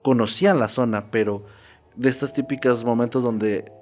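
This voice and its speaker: A man's voice: mid-range voice, fairly even intonation, normal speed, a little mellow. Man telling a horror story. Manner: conversational, checks in with "¿no?". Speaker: podcast storyteller.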